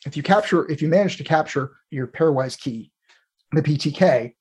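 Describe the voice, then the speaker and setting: Man, slightly high pitch, husky voice, informal technical explainer, conversational host, thinking aloud. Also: moderate pace, darkish tone.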